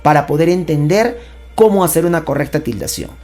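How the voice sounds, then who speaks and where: A woman teaches a playful grammar lesson with a lively voice that swings widely in pitch, set a little low for a woman. She stretches words out slowly and stresses each sound, adding chatty jokes along the way. Soft music plays underneath. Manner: chatty and joking, with asides. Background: faint background music.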